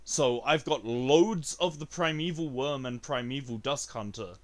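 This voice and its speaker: Excitable man streaming a game. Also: unhurried. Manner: excitable, jumps to high yelps when thrilled or annoyed; swears casually, talks to chat. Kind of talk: casual gameplay commentary.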